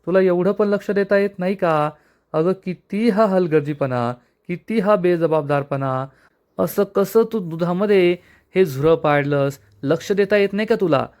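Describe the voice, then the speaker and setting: A man voicing a dramatic older aunt-in-law who loudly accuses and scolds her young relative. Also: high voice, a little slow, clean tone, pitched above the performer's own voice. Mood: scolding. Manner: loud, accusing, theatrical.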